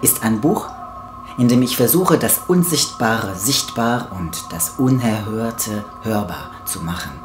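A French author and spoken word artist, a native French speaker, presents his own book in a poetic spoken-word trailer monologue. He speaks very slowly and deliberately in a lowish, expressive voice, using theatrical pauses. It was recorded indoors in a small home kitchen, with roomy echo, music playing behind him and a noisy background.

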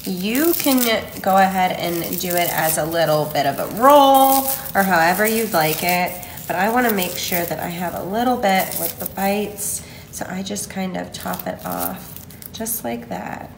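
A woman hosts a relaxed cooking video at home, talking slowly through each step. She gushes with excitement over the dish. Her voice carries a roomy echo with faint kitchen clatter behind it. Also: fairly low pitch, a little hiss or hum. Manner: enthusiastic, gushing over food. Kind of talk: casual cooking demo.

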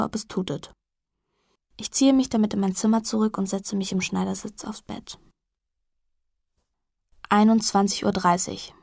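A woman reading a novel aloud in the first person, intimate and at times softly hushed. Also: mid-range voice, no room sound, studio quality. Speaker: audiobook narrator.

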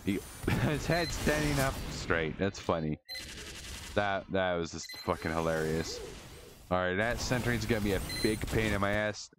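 A man streaming a shooter game live, commenting excitably, swearing a lot and rambling to his chat. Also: lowish voice, normal speed, noisy background. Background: game music.

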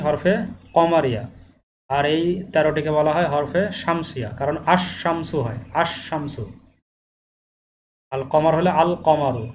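Patient Bangladeshi male teacher, slightly high voice, methodical repetition, light background hiss. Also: poor audio. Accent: Bangladeshi Bengali. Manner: patient, repeats each example slowly. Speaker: Arabic teacher. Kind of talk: step-by-step language lesson.

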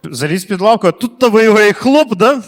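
A man's voice: sits high, lively intonation, fast talker, in a large hall. A male stand-up comedian doing crowd work in a comedy club, chatty and slangy, swearing freely.

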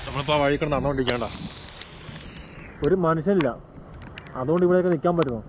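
Malayali male travel vlogger, slightly high voice, casual chat mixing Malayalam and English, noisy roadside outdoor sound. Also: racing. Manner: Malayalam mixed with English words. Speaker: solo motorcycle travel vlogger. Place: outdoors on a rainy, misty hill roadside. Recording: muffled outdoor audio, clear rain and road noise.

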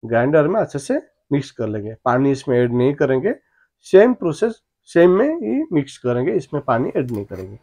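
A man's voice: mid-range voice, big pitch swings, a little fast, dark tone. A man in his thirties, a cooking channel chef, talking viewers through a recipe step by step in a chatty, repetitive way, calling them friends. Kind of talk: cooking tutorial narration.

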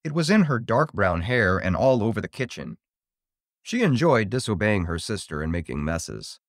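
A man reading a spooky children's story aloud, in an expressive, theatrical way. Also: lowish voice, moderate pace, no echo, studio quality.

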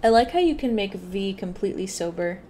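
A woman's voice: medium pitch, lively intonation, brisk, mellow, slight background noise. A woman streamer giving casual, joking, crude commentary over a game.

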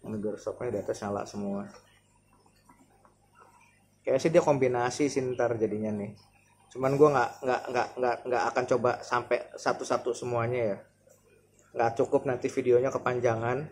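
This Jakarta-accented vlogger, in his thirties, gives an informal, halting demo of a massage chair in his living room, thinking aloud as he goes. He talks fairly quickly in a medium-pitched, slightly mellow voice with fairly even intonation, and room ambience and background noise are clearly present.

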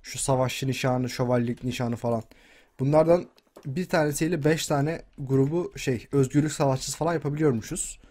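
A congested man from Turkey chats through his gameplay at a mid pitch, calling to his viewers and egging on enemies on screen. He sounds a little under the weather, and keyboard typing clicks now and then behind his desk microphone. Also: steady tone, a little fast, dark tone. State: sick, congested. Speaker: gameplay commentator. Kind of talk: casual gameplay commentary.

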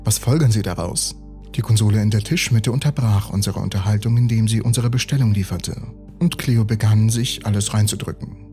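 A man reading a bedtime story as a calm, even storyteller. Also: fairly low pitch, a little fast, faint music behind. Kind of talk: scripted bedtime story narration.

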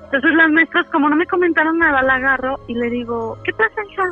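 A caller speaks fast in a high female voice, telling her story in a relaxed, talkative manner peppered with fillers like "este". Her voice comes over a tinny phone line with music playing behind.

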